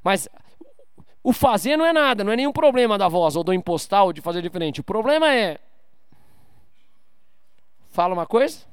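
During a church service, a pastor preaches informally to his congregation, joking around and calling for amens. His high, clear, resonant voice swings widely in pitch, moving a little fast but with long pauses. The sound is dry and studio quality.

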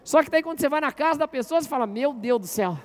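A male pastor with a very high-pitched voice delivers a sermon in church. He talks with the crowd, asking questions and telling them to turn to the person beside them. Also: lively intonation, racing. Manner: interactive, asks the congregation questions.

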